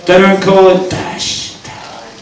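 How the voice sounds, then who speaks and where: This spoken-word poet has a high, expressive voice and takes his time during a live reading. Between lines he makes wry remarks and counts down his time aloud, captured on a distant mic in an echoey venue with an audience present.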